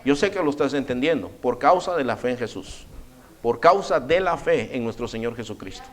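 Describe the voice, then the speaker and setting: A man preaching a sermon in a church, animated, addressing listeners as brother and acting out biblical characters' voices. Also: mid-range voice, normal speed. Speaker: pastor.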